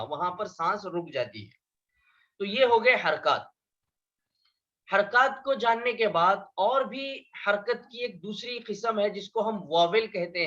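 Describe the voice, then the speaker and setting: High-voiced man teaching beginners. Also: a bit bright, lo-fi sound. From India. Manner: explains patiently, repeats points and asks the class questions. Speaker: Arabic teacher. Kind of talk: beginner language lesson.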